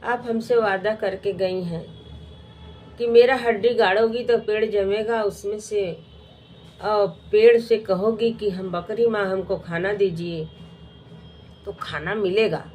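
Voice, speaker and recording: A woman's voice: medium pitch, steady tone, takes it slowly, a little mellow, a little hiss or hum, lightly acted. A woman voicing a poor orphan girl, speaking in a plaintive, pleading way.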